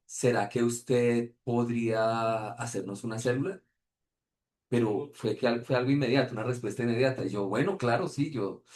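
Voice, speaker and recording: Animated Colombian preacher telling a story. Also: male voice, fairly low pitch. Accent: Colombian Spanish. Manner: animated storytelling, acts out quoted voices. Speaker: pastor. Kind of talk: sermon testimony.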